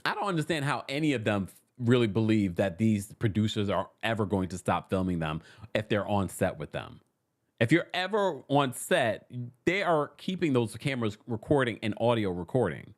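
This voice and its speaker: A man's voice: on the low side, normal speed. A man hosting a live-stream recap, reading fan messages aloud and riffing in a sassy, laughing way. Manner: sassy, animated, laughs often. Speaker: recap show host.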